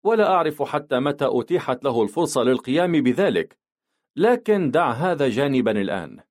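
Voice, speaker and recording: A man reading a novel aloud as an audiobook narrator, in steady storytelling that shifts tone a little for the characters he quotes. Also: medium pitch, brisk.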